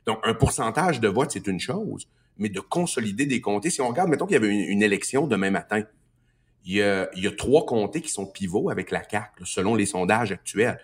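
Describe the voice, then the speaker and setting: A man with a Québécois French accent, a political guest on talk radio, arguing his case in an emphatic, animated way and building points through repetition. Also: lowish voice, brisk, breathy edge. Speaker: political guest, party health spokesman.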